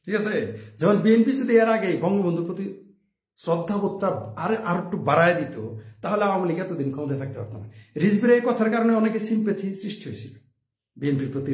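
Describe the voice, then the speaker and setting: A man's voice: high voice, darkish tone. Man giving opinionated commentary. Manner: rhetorical questions, chuckles at own points. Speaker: political commentator. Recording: roomy, echoey room sound.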